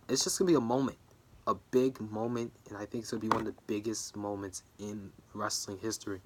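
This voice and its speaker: In a relaxed home vlog, a tired wrestling fan talks his way through predictions, rambling, breaking off mid-thought, and getting sidetracked easily. He has a lowish, slightly bright voice.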